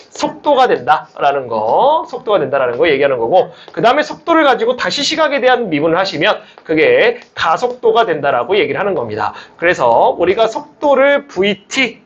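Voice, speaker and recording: A man's voice: high-pitched, breathy edge, lo-fi sound. A middle-aged man teaching math to a class, explaining step by step, teasing his students and asking them questions as he goes. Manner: lively, jokey teacher who teases students and asks questions back.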